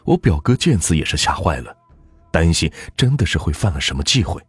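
A man narrating a folk ghost story in a measured, steady storytelling manner. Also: deep voice, slightly rough, dry recording, soft background music.

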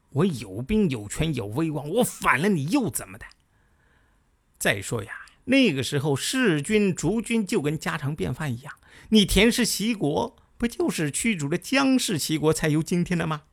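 Lively male history storyteller. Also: a little high. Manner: lively, colloquial, with chatty asides.

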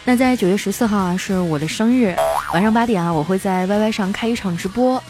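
A woman hosting a comic storytelling podcast, chatty and lively, stretching out her sentence endings. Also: mid-range voice, fast, soft background music. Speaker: host.

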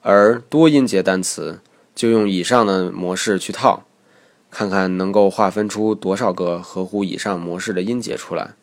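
Low-voiced man teaching a lesson. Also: normal speed. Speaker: English teacher. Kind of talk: scripted lesson narration.

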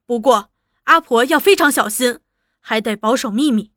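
A woman's voice: a little high, normal speed, a bit bright, no room sound, clean studio sound, close to an everyday voice. A woman voicing an earnest young revolutionary woman, speaking firmly and emphatically in an audiobook. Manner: firm, fervent, emphatic. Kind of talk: audiobook character voice.

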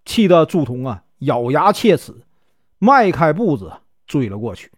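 A man's voice: fairly high pitch, big pitch swings, normal speed, no echo, clean studio sound. A man with a Northeastern Mandarin accent telling a classic tale in a folksy, casual way, with many small fillers. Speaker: storyteller. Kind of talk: casual storytelling narration.

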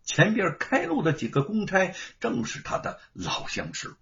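A man narrating a story in a dramatic, expressive storytelling style. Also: high voice, normal speed, vocal fry. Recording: dull lo-fi recording.

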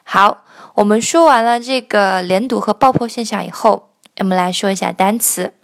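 A woman teaching the pronunciation of a song line by line, explaining patiently and singing phrases slowly to demonstrate. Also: mid-range voice, vocal fry.

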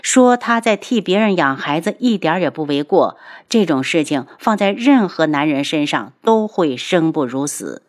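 A woman narrating a web novel audiobook in a steady storytelling read. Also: low voice, normal speed, few pauses.

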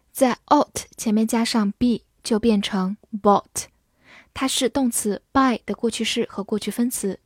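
A woman teaching English vocabulary, spelling words out letter by letter and reading example sentences slowly. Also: fairly high pitch, a little mellow, no echo, clean studio sound. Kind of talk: slow, clear vocabulary lesson.

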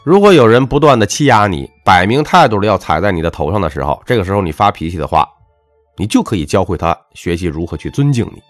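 Low voiced guy lecturing, really punchy and swingy, dry close sound, soft music behind. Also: sing-song, fast, no echo. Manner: emphatic, lecturing, swings between punchy highs and dropped low endings. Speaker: self-help speaker. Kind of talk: motivational monologue with personal anecdote.

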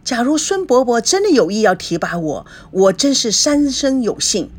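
Woman reading an eager young man, fawning, overly polite, animated pitch, storybook. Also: normal speed.

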